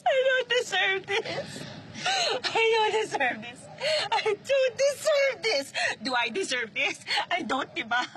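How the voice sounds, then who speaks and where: A woman's voice: high-pitched, animated, normal speed, hardly any pauses, noisy background. A woman playing a tearful, overwrought young heroine in a parody soap-opera skit, with a self-pitying, teary manner. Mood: sobbing. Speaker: comedy skit actor. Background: loud music.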